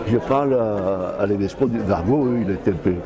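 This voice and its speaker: Older Brazilian man, halting French, crowd. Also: lowish voice. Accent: Brazilian Portuguese. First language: Portuguese. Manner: hesitant, searching for words, halting restarts. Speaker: comic book author. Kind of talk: interview answers.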